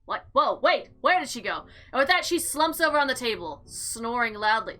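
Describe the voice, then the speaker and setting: Her voice is on the high side and sharp, with lively intonation at a moderate pace. She reads a visual novel aloud with drama and expression during a let's play, mixing in casual remarks over faint background music.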